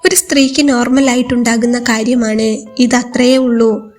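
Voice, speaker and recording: Woman voicing a gentle young man lover. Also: extremely high pitch, moderate pace, soft background music. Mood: tender. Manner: soft, steady, reassuring.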